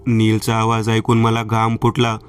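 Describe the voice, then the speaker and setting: A man narrating a horror story and reading the dialogue of two friends in a steady storytelling manner. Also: fairly low pitch, unhurried, clean tone, far from the mic.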